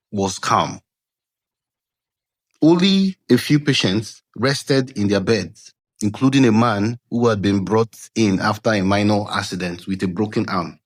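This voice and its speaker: Over background music, a man with a lowish voice narrates a scripted folktale like a storyteller, dramatic and suspenseful, with measured, deliberate pauses.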